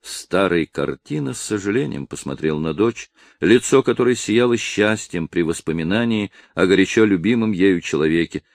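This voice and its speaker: A man reading a historical novel aloud in an even, measured storytelling voice. His tone sits low, and the recording is close and dry, with no room sound. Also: no room sound. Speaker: audiobook narrator. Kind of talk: scripted narration.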